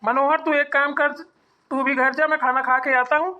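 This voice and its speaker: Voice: high voice, level tone, moderate pace, lo-fi sound, close to an everyday voice. A performer voicing a grown son in a Hindi cartoon, who reasons with his mother in an earnest, persuasive way. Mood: pleading.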